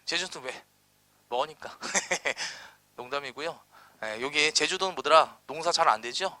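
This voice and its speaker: A man giving an exam-prep history lecture, constantly quizzing students with quick rhetorical questions and blunt, slangy asides. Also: on the high side, bright, forceful tone, dry recording.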